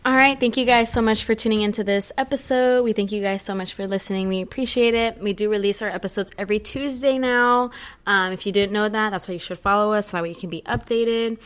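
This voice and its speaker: A woman's voice: medium pitch, fast, clean tone. Chatty young woman podcast co-host. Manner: rambling storyteller, filler-heavy, says "like" constantly. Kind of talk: casual chat.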